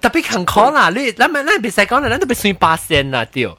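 A man's voice: very high-pitched, big pitch swings, very slow, sharp tone, no echo. A man in casual chat who laughs often and slips English words into his talk.

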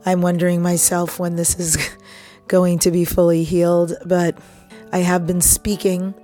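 Hoarse woman radio host, dark tone. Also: on the low side, monotone, measured pace, soft background music. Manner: chatty, laughing, informal. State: hoarse, recovering voice. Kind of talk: casual radio talk show.

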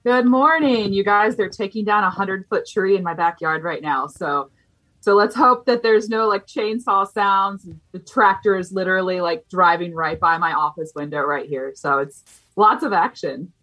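A woman who hosts the show's news segment chats cheerfully with the other hosts. Her voice is at a middle pitch. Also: moderate pace, fairly bright tone, low-quality recording. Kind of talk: casual chat.

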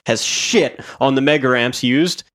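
A man co-hosting a podcast, casually walking friends through facts, halting with many ums and uhs. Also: mid-range voice, fairly bright tone. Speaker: podcast co-host presenting a topic. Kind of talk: casual chat, explaining facts.

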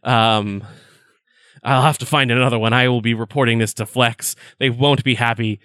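A man's voice: mid-range voice, steady tone, moderate pace, a bit bright, clean tone, dry recording, clean studio sound, natural voice. A man voicing a menacing giant skeleton creature that threatens and accuses. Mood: accusing.

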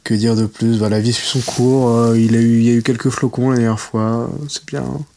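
A man's voice: mid-range voice, level tone, fairly quick, dark tone, slight background noise. A man leaving a voicemail, hesitant and full of trailing fillers. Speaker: caller.

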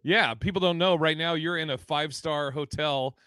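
A man's voice: fairly high pitch, normal speed, sharp tone, clean tone, dry recording. A man hosting a comedy podcast with casual, jokey, profane banter.

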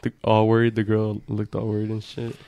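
A man's voice: fairly low pitch, monotone, fairly quick, gravelly, mellow, no room sound, dull audio. A man in a casual group chat telling a story hesitantly, with lots of fillers.

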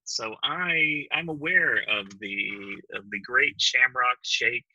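A man co-hosting a comedy podcast, riffing in a deadpan, mock-promotional way. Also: medium pitch, slow pace, no room sound, dull audio. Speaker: podcast co-host.

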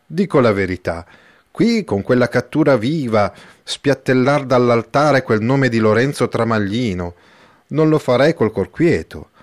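A man's voice: mid-range voice, lively intonation, a little slow, close to an everyday voice. A man reading the part of a timid, fretful older village priest, talking in fussy, rambling bursts. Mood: cautious. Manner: fussy, rambling, emphatic exclamations. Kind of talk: audiobook character reading.

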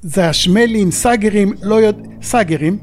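Older man, high voice, telling war memories. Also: faint music behind. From Israel. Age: 70s. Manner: animated storyteller who acts out radio calls. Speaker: war veteran interviewee. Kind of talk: recounting memories in an interview.

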